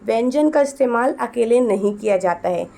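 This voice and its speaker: A woman teaches an exam lesson in a slightly high, gravelly voice. She keeps asking her students questions and answering them herself, going over each point again and again. She is firm but coaxing, and calls her students "beta". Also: animated, moderate pace, mellow. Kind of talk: exam-prep lesson explaining a paper.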